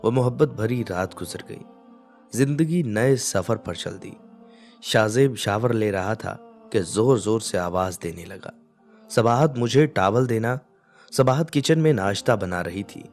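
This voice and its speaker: A man calmly narrating a scripted domestic story. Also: lowish voice, measured pace, soft background music.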